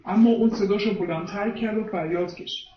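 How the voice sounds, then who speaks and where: A man's voice: high voice, reverberant, far from the mic, lo-fi sound, slight background noise. A man interpreting a sermon, hesitant and full of filler sounds.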